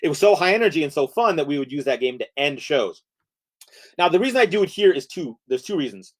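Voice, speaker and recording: A lively, energetic man hosts a solo online improv comedy show. His voice sits a little high for a man, and he talks in a playful, fast-building way as he plays the game.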